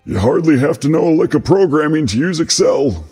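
Man putting on a higher, husky earnest objector. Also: lively intonation, a little fast, warm tone, faint music behind. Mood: earnest objecting. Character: objecting Excel defender, earnest and mild. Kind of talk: comic skit in an explainer video.

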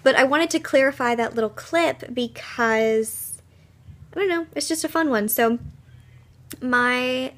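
A young woman chats through her home vlog in a slightly high voice. She rambles cheerfully, full of fillers and little asides. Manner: chatty, upbeat, rambling with fillers. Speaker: vlogger. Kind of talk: casual vlog chat. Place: at home, indoors.

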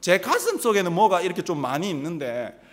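Man, pastor, Gyeongsang accent, humorous animated sermon, long church reverb. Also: sits high, a little fast. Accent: Gyeongsang Korean. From Busan, South Korea. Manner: humorous, animated storytelling, mimics voices. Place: large church sanctuary.

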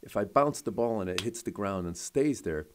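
Lower-voiced man hosting live radio. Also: animated, moderate pace, a little hiss or hum. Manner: explains with everyday examples, tags points with "right?". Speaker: radio host. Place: radio studio.

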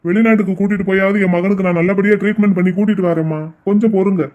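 A calm, reasoning family man, played by a man talks people down with patient persuasion. His voice is fairly high and he keeps a brisk pace. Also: phone-quality sound, close to an everyday voice. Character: calm reasoning father and older brother.

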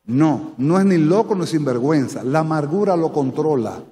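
Dominican pastor preaching live, high-pitched voice, lots of church echo. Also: male voice, animated, moderate pace, dark tone. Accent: Dominican Spanish. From Dominican Republic. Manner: preaching to a live congregation, asks them questions. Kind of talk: sermon. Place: church sanctuary. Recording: church hall reverb.

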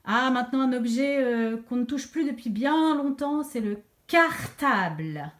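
A woman teacher giving a slow dictation lesson to young children, repeating each syllable clearly with emphasis. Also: high voice, steady tone. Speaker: primary school teacher.

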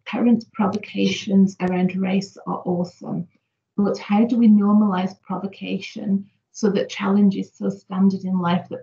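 A woman's voice: medium pitch, creaky, dull audio. A woman chairing a webinar on a video call, steadily reading out a question from the chat. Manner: steady, frequent backchannel agreement. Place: home room on a video call.

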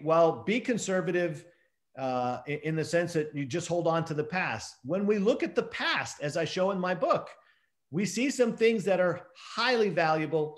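A man in his fifties with a standard American accent, explaining emphatically as a professor in an interview on a video call. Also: fairly high pitch. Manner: explanatory, emphatic, asks rhetorical questions. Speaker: professor and author, interview guest. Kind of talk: scholarly discussion in an interview. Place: indoor room, video call.

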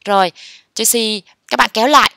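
A woman teaching English, encouraging and slowly repeating English phrases. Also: on the high side, creaky, pushed and bright, no room sound, clean studio sound. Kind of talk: explaining lesson in a voice-over.

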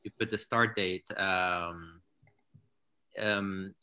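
Man from morocco, low pitch, bright forceful tone, many fillers, video call from living room. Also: fairly even intonation, drawn-out words, smooth. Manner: hesitant, many fillers and restarts. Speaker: founder and CEO, guest. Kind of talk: casual interview on a video call. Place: home living room with large window. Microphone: laptop or webcam on a video call.

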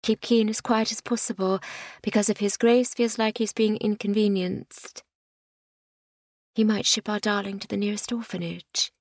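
A woman's voice: medium pitch, steady tone, moderate pace, no room sound, lightly acted. A woman voicing a protective young noblewoman in an audiobook, giving firm, urgent instructions.

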